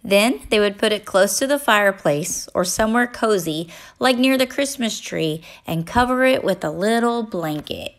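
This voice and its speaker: A woman with a medium-pitched voice reads a children's story aloud for young listeners, expressive and deliberate in her delivery.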